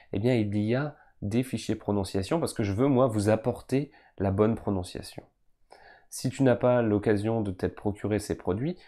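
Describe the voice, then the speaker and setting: A French teacher from France hosts a podcast and answers questions from learners. He talks to his listeners directly and explains each point with patience. His voice sits a little low and has a warm, mellow tone. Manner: calm, patient explanation aimed straight at listeners.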